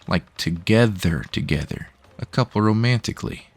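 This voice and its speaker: A man voicing a sly, quick-witted male card-throwing thief who needles and schemes theatrically. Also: lowish voice, animated, no echo, faint music behind. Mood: conspiratorial.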